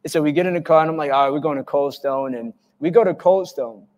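A man preaching a sermon as pastor, telling stories with lively acted-out quotes. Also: a little high, fast talker. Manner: animated storytelling with acted-out quotes. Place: church hall. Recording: church hall with long reverb.

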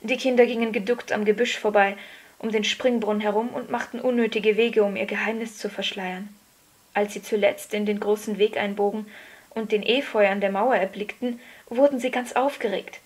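A woman giving a calm, measured scripted narration of a children's story. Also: mid-range voice. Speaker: audiobook narrator.

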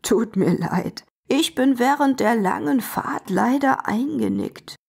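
A woman voicing a gentle, loving old grandfather in a children's storybook. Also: fairly high pitch, expressive, takes it slowly, gravelly, husky, full character voice.

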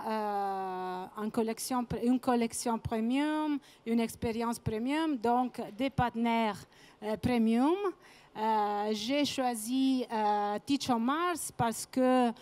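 A woman presents on stage in French as a second language, with a clear foreign accent. Her voice sits fairly high and moves slowly, with searching pauses and repeated words. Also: a little mellow. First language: not French. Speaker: conference presenter. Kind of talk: public presentation. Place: trade-show conference stage, indoors. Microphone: handheld microphone.

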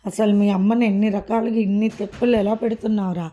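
A woman's voice: medium pitch, fairly even intonation, fast talker, mellow, lightly acted. A teasing young father, read by a woman. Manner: teasing, playful. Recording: noisy recording.

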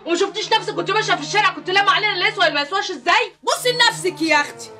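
A brash working-class woman with an Egyptian Arabic accent, firing off retorts in a very high, bright, racing voice. Faint music sits under the scene. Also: rapid-fire. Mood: scolding. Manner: loud, sharp-tongued bickering. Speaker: actress. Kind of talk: TV comedy drama acting.

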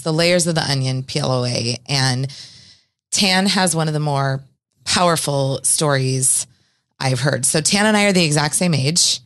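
A woman in her forties from the US Northwest, hosting a studio interview podcast, earnest as she leads her guest's story. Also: deep voice. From Eastern Washington, US. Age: 40s. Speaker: podcast host.

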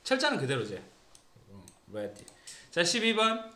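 A man's voice: high-pitched, wildly swooping pitch, a little slow, bright, forceful tone. A man with a Gyeongsang accent teaching a grammar lesson to a small class, quizzing students and teasing them as he goes. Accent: Gyeongsang Korean. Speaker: English teacher. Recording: roomy classroom echo.

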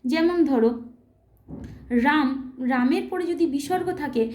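A woman whose first language is Bengali, patiently teaching Sanskrit pronunciation, asking her own questions and demonstrating each sound slowly. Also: sits high, mellow. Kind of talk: explanatory online lesson. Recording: echoey room.

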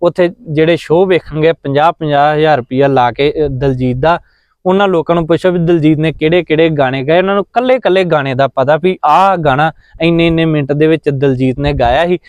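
A man's voice: a little high, a little fast, darkish tone, clear, resonant tone, no echo. A man, speaking in an interview with earnest, preaching conviction. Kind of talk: impassioned religious commentary.

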